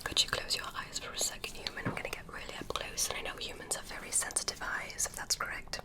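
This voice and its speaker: An ASMR creator whispers into a close mic as a curious, polite female alien doctor examining a human, her voice close to everyday. Her breathy whisper is soft and slow, curious and soothing, offering gentle instructions in this medical roleplay.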